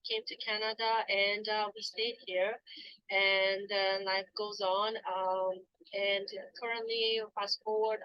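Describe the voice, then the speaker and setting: A woman's voice: mid-range voice, dry recording. A woman, answering interview questions as a guest coach, hesitant with many ums and restarts. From Poland. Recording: dull lo-fi dry sound.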